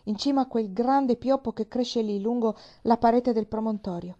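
A woman reading an audiobook, voicing a steady, protective pioneer father who sometimes raises his voice. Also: fairly high pitch, normal speed, muffled recording, voice pushed up, close to an everyday voice.

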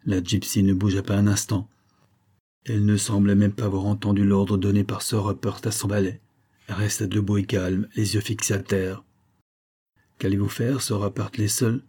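A male narrator reading a classic novel at a steady, measured pace. His voice is low and dark, with a husky, slightly breathy grain. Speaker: audiobook narrator.

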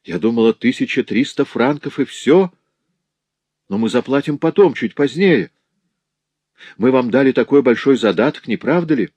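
Man putting on a young girl voice, scared and pleading, a bit higher. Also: lively intonation, normal speed, pauses often, a little mellow, husky, no room sound. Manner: breathless and pleading. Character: frightened young woman, daughter.

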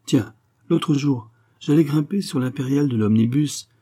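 A man reading an audiobook, voicing a brash, tomboyish young woman with mocking, quick retorts. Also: medium pitch, warm tone, pitched above the performer's own voice, lightly acted. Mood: cheeky.

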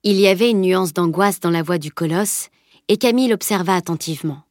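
A woman narrating a novel as an audiobook reader, with even, clear storytelling. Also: on the low side, fairly quick, no room sound, clean studio sound. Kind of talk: scripted narration.

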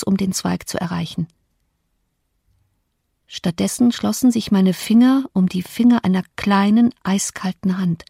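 A woman's voice: medium pitch, creaky, a little mellow, slightly rough, dry recording. Woman narrating a novel, dry close sound. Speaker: audiobook narrator. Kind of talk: scripted narration of a classic novel.

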